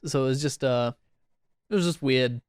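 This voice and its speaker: A man's voice: mid-range voice, normal speed, clean tone, no room sound, clean studio sound. A young man co-hosting a podcast, telling stories in a rambling way, laughing often and acting out quoted voices. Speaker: podcast co-host. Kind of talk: casual chat.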